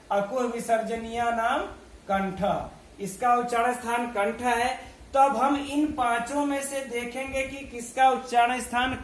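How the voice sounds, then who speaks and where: High-voiced man teaching slowly in an echoey room. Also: slight background noise. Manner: slow, methodical, recites letters one by one, asks and answers his own questions. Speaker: Sanskrit grammar teacher. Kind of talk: online video lesson.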